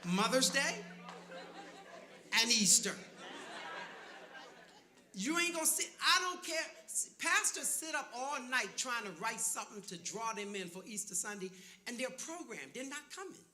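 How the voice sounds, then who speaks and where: Bright, teasing preacher-comedian in a roomy hall. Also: male voice, extremely high pitch, sing-song, measured pace, long pauses. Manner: loud, teasing crowd work with call-and-response. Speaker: pastor and comedian. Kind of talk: stand-up comedy set. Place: church sanctuary before a live audience.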